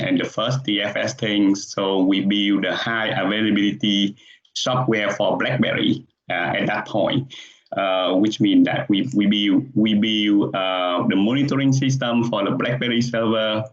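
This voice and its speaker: Halting man with a Vietnamese accent. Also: fairly low pitch. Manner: halting, frequent pauses and restarts. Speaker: conference presenter. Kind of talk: online technical presentation. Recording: dull, muffled sound.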